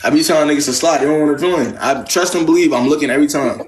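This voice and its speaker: A young American man hosts a casual live stream giving dating advice, talking very fast in a fairly high voice. He's blunt and slangy and keeps repeating phrases to drive his points home.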